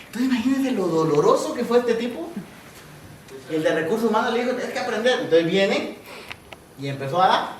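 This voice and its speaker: A man, giving a lively talk to students, often asking the room questions and acting out small scenes. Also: high voice, distant mic, slight background noise. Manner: asks the audience constant questions; acts out both sides of little scenes. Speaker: speaker at a university talk. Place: large hall with audience. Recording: echoey lecture hall, voice heard from afar.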